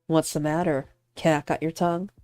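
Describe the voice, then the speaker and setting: A woman's voice: deep voice, steady tone, normal speed, darkish tone, no room sound, soft background music, natural voice. A woman voicing an irritable young male actor who snaps angrily at his rival. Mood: annoyed. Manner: irritated, snapping. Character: hot-tempered young male actor narrator.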